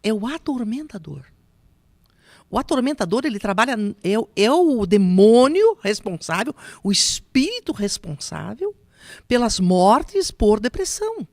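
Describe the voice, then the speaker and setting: A woman telling an emotional personal testimony, slipping into soft whispers and a preaching tone. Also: a little high, very animated, unhurried, no room sound. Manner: emotional, drops to soft whispers when recounting quotes; preaching tone on spiritual points. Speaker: guest giving testimony.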